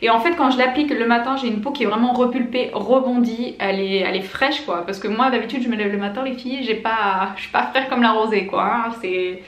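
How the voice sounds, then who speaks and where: Speaking briskly with hardly any pauses, this woman in her late twenties reviews a product casually to camera as a beauty vlogger. Her slightly high voice bubbles with enthusiasm, full of fillers and restarts, in a reverberant room.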